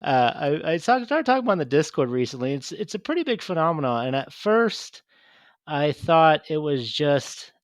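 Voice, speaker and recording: A man's voice: fairly high pitch, sing-song, normal speed, dry recording. A man co-hosting a podcast, rambling in casual chat with many restarts and fillers. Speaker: podcast co-host.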